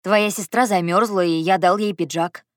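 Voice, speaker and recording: A woman reading an audiobook and voicing an indignant young man who bursts out loudly and drags his words. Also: mid-range voice, fairly even intonation, no room sound, clean studio sound, lightly acted. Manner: loud, drawn-out outbursts.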